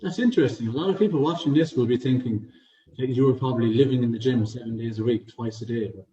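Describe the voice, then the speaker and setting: Speaking fast and warmly in a mid-range voice, an Irish-accented fitness coach runs a casual livestream interview, praising and encouraging his guest. The online video meeting audio sounds muffled and roomy, as if he's far from the mic.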